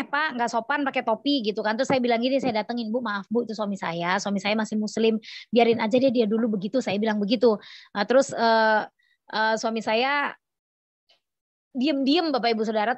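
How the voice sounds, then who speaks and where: A woman with a somewhat high voice tells her conversion testimony to a congregation, addressing them directly and acting out the dialogue she remembers. She talks with frequent hesitations and restarts. The recording is dry and close, with a slightly muffled, lo-fi sound. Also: dry recording. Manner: addresses the audience as Bapak Ibu Saudara, acts out quoted dialogue; hesitant, many fillers and restarts. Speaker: testimony speaker. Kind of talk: church testimony storytelling.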